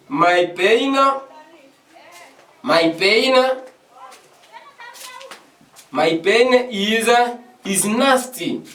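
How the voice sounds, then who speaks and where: Man, English teacher at a board, high voice, unhurried, repeats phrases; echoey room, distant mic. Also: a bit bright. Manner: repeats phrases slowly, switches between French and English. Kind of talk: classroom lesson at a board. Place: classroom with a board.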